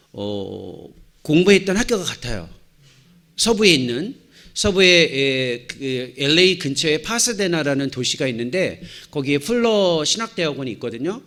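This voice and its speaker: A middle-aged man, a missionary pastor, giving a lecture-style sermon to church teachers in a church hall on a handheld mic, telling stories with animated acted-out dialogue. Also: fairly high pitch. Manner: animated storytelling, acting out shouts and dialogue.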